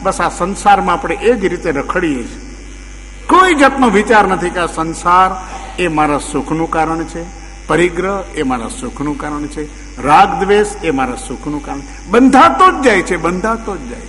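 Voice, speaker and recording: High-voiced preacher in a hall. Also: male voice, lively intonation, normal speed, fairly bright tone. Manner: rhetorical questions, repetitive emphatic phrasing. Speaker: spiritual preacher. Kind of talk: religious discourse with a parable. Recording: long hall reverb, faint mains hum.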